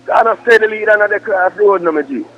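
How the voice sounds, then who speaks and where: Man, Jamaican accent, high-pitched, emphatic and repetitive slang, three-way phone call, muffled lo-fi line. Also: fast, faint music behind.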